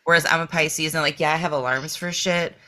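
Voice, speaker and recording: A woman from the Boston area, a podcast guest, chatting casually and telling animated, profane stories packed with "like". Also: sits low, brisk. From Boston area, Massachusetts. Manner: animated, profane storytelling full of "like". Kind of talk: casual chat.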